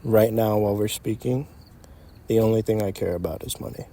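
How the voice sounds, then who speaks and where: A fairly low-pitched man in his early twenties talks briskly, with crowd noise audible, reflecting casually and feeling out phrases in unscripted conversation. He's a young entrepreneur standing in an empty outdoor parking lot, where crickets and night insects sound steadily.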